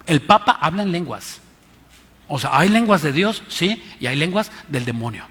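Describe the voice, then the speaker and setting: A man's voice: on the high side, very animated, moderate pace, a bit bright, slightly rough. A man with a Mexican accent preaching a sermon as pastor, emphatic and repeating his key lines. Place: church hall. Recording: reverberant church hall.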